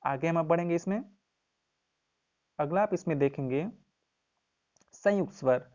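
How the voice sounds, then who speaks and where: A man's voice: on the high side, a little slow, a little mellow. Male tutor, exam revision lesson, repeats key points, asks and answers his own questions, muffled lo-fi sound. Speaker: teacher.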